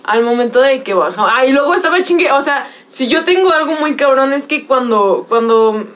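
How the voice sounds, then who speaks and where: A young woman with a Mexican accent, chatting casually on a podcast and telling an anecdote full of slang, often laughing and quoting others in a lowered voice. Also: expressive, a little fast, a bit bright. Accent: Mexican Spanish. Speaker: podcast co-host. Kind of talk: casual chat, storytelling.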